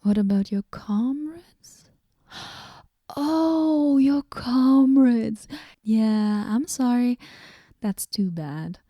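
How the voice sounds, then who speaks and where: This is a moody goddess voiced by a woman in a whispered role-play. She speaks slowly in a dark, mellow tone, deadpan and sarcastic, slipping into soft whispers. The sound is close and dry, with no room around it. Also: medium pitch, dry recording. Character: moody, aloof female goddess, sardonic.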